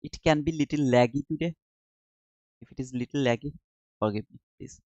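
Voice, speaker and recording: A trading streamer from Bangladesh chats casually about his live trading chart and replies to viewers in the chat. His medium-pitched voice is fairly quick and a little mellow, in a dry, dull lo-fi recording.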